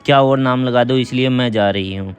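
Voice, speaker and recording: A man's voice: mid-range voice, brisk, smooth, highs cut off, lightly acted. Pleading poor housemaid, read by a man. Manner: pleading, defensive.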